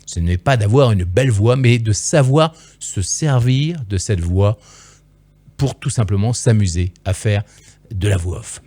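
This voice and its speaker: A man's voice: mid-range voice, darkish tone, no echo. A man coaching future voice-over artists in an emphatic, playful direct-to-camera lesson, on a close microphone.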